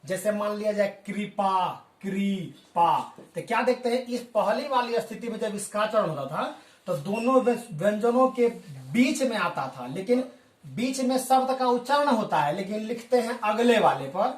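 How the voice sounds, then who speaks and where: A male teacher giving a spoken language lesson, patiently explaining and slowly repeating example words. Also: sits high, lively intonation. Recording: echoey room, voice from a distance.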